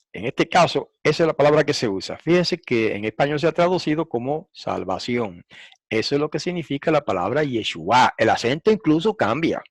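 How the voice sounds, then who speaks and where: A man teaching a recorded Bible lesson, explaining patiently and repeating points for emphasis, with frequent fillers and throat clearing. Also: medium pitch, no room sound.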